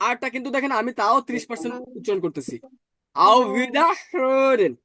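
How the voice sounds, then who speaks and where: A man teaching German in an online class, explaining patiently and slowly repeating words. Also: very high-pitched, animated, over a noisy crowd.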